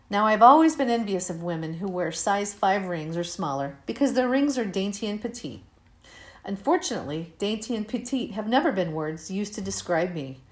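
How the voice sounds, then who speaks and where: A woman in her fifties reading her own personal essay aloud in a candid, steady, measured way. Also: mid-range voice. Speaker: narrator of her own story.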